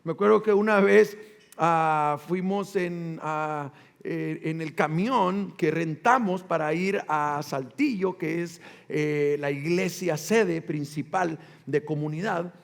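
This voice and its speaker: Mexican male pastor, lively sermon delivery with call-and-response, gravelly voice in a long-reverb hall. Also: on the high side, slow. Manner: animated preaching with call-and-response and acted quotes.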